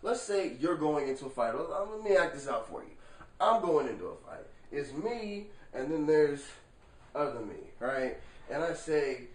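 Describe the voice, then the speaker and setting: A man talking to the camera in a casual vlog monologue, animated and rhetorical, swearing freely and checking in with the viewer. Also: on the high side, moderate pace. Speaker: vlogger. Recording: echoey room, far from the mic.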